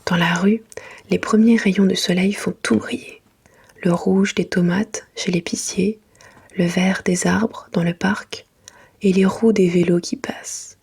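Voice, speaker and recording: A woman reading a children's storybook in a hushed, breathy library whisper, in a soft ASMR style. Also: medium pitch, fairly even intonation, a little slow. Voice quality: breathy, unvoiced.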